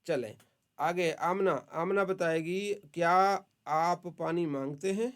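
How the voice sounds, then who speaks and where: A male teacher runs an online grammar lesson over a video call. He guides his students patiently, corrects their answers and praises them often. His voice sits a little high for a man. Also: clean tone. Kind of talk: online Arabic grammar class.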